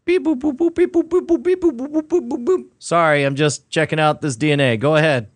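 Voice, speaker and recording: A man's voice: extremely high pitch, brisk, dry recording, voice pushed up. A man putting on a stiff, mechanical robot voice as a robot police officer, with bursts of beeping sounds. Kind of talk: improvised comedy bit.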